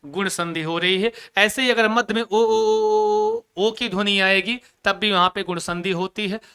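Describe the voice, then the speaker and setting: A male teacher giving a lively grammar lesson, asking questions and answering them himself, with joking asides. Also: sits high, moderate pace, smooth.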